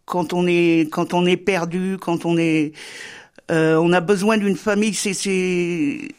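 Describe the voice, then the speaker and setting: A woman guest on a radio interview, speaking haltingly, searching for words and repeating phrases. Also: on the low side, steady tone, a little mellow, smooth. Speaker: guest, member of a religious fellowship.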